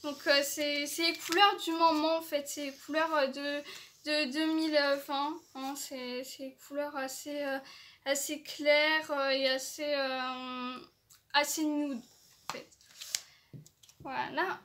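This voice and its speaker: A woman's voice: high-pitched, flat delivery, slow, fairly bright tone, slight background noise. A woman casually showing off beauty products from an advent calendar, hesitant, with many fillers and restarts, and enthusiastic about each item. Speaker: beauty vlogger.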